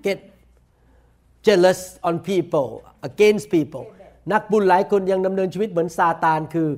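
A man with a Thai accent preaching a sermon, saying each point in slow, deliberate English and then repeating it quickly in Thai. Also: sits high, darkish tone. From Thailand. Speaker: pastor. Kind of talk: bilingual sermon, self-translating.

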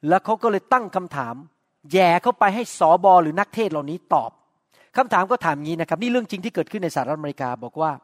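A man's voice: sits high, animated, fast talker, no room sound, studio quality, long reverb tail. A middle-aged man preaching a sermon, earnest, acting out short quoted exchanges. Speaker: pastor.

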